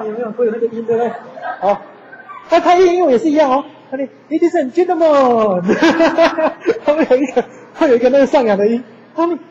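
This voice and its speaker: A man teaching a university class, chatty and animated, often asking his students rhetorical questions. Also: high voice, a little hiss or hum. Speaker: university lecturer. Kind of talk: classroom lecture. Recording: echoey lecture hall, dull lo-fi sound.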